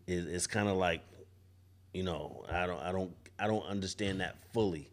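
Speaking at a normal speed in a low register, this man in his forties is a barber on a podcast. He's thoughtful and keeps restarting sentences during a casual panel chat indoors at a barbershop event space, recorded through a boom-arm podcast mic.

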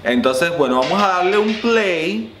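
A man giving playful, bawdy reaction commentary as a drag queen, laughing often and swinging between high squeals and low purrs. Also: lively intonation, a little slow, reverberant, over music.

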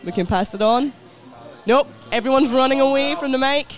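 A Hungarian-born man with a Scottish accent co-hosting in casual chat, quick and wry. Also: very high voice, soft background music, some chatter behind. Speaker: co-host.

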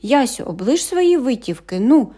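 A woman's voice: on the high side, sing-song, moderate pace, warm tone, voice pushed up. A woman voicing an impatient, grumbling older boy in a storybook audiobook. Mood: grumpy. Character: grumpy older boy, big brother. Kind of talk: audiobook fairy tale reading.

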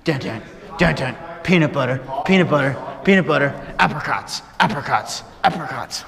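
A young man with a high, lively voice talks fast and excitedly, laughing and shouting as a game plays out around him. He films on an action camera inside a big warehouse garage, so his voice rings with a long reverb over loud clattering. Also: vocal fry, over a noisy crowd. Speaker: vlogger. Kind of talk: casual group vlog banter. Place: large warehouse garage indoors.

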